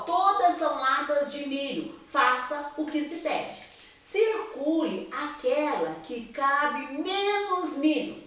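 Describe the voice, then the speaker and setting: Slow, patient Brazilian teacher, roomy echo. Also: female voice, high voice, fairly bright tone, distant mic. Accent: Brazilian Portuguese. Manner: patient, repeats and checks understanding with "tá?". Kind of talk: slow classroom explanation to young pupils. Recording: roomy echo, speaker somewhat off-mic.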